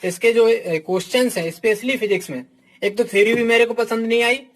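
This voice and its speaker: A man's voice: very high voice, fairly even intonation, fairly quick. A man coaching exam students in a casual teaching talk, blunt and frank in his views, who addresses them as "my dear" and tacks a "theek" onto almost every phrase. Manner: fills nearly every phrase with "ठीक"; talks straight to students, calling them "my dear". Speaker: exam coach reviewing books.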